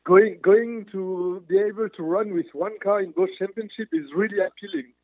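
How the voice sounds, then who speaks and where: Guest executive, male, earnest and searching for words, higher voice, dry tinny remote line. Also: lively intonation, normal speed, no echo. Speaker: motorsport manufacturer executive guest. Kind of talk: remote interview answers.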